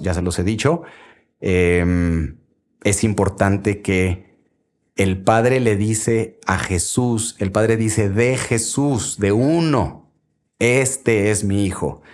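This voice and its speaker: A man's voice: lowish voice, darkish tone. A man with a Mexican Spanish accent gives faith-based parenting advice on a podcast, speaking earnestly and conversationally and sometimes acting out quoted lines. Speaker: podcast host, father giving parenting advice.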